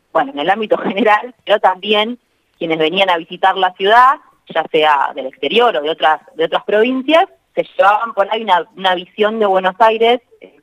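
A woman's voice: fairly low pitch, dry recording. A woman with a Rioplatense Spanish accent, a journalist calling in from home over a bad phone connection, chatting with many hesitations and restarts. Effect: bad phone connection that cuts out. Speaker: journalist and tour co-creator, radio guest. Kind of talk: casual interview over the phone. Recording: muffled lo-fi phone line.

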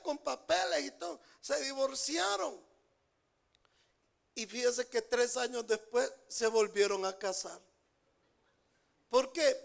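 A man preaching a sermon as pastor, repeating phrases for emphasis and swinging between loud outbursts and hushed asides. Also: very high-pitched, vocal fry.

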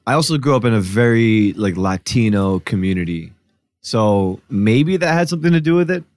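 Low-voiced man telling his story. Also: lively intonation, moderate pace, darkish tone, no room sound. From Newark, New Jersey, US. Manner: reflective, storytelling, many "like" fillers. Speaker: podcast guest. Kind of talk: casual conversation.

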